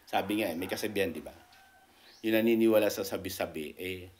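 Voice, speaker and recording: Animated man commentating. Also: a little fast. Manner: animated, repetitive, keeps asking "di ba?"; rises sharply in pitch when making a point. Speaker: political commentator vlogger. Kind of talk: casual political commentary.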